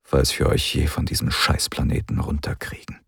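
A man voicing a weary, grieving male general who speaks quietly and heavily in an audiobook. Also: very deep voice, monotone, moderate pace, vocal fry, husky, no echo, clean studio sound, heavily acted. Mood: gentle. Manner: hushed, quiet and heavy. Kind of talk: audiobook character voice.

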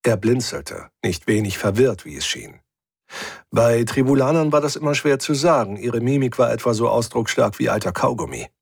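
A man narrates a science-fiction tale in the first person with a wry, dramatic edge. His voice has a husky grain, and the recording is dry and close. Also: mid-range voice, lively intonation, normal speed, no echo. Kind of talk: scripted audio drama narration.

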